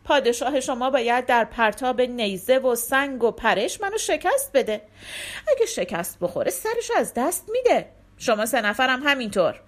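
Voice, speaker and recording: Storybook warrior queen, haughty and icy, bright and high, read by a woman. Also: big pitch swings. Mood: cold, scornful. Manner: scornful, commanding.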